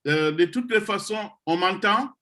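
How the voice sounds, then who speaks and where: On a video call, a middle-aged Congolese man, founder of the project behind an online computer course, encourages his trainees. He speaks slowly and deliberately, pausing and hesitating, in a slightly high voice that sounds pushed and bright.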